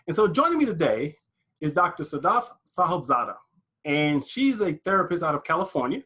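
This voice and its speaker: A man hosting a podcast interview, upbeat and animated as he introduces his guest. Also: on the high side, a little fast, husky. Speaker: podcast host.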